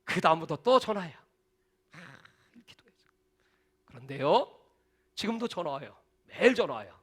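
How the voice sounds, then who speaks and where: A man preaching a sermon with a high voice. He sounds bright and forceful. His delivery is emphatic and casual, and he mixes anecdotes into the preaching. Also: sing-song, moderate pace, breathy edge. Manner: emphatic, colloquial, storytelling. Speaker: pastor.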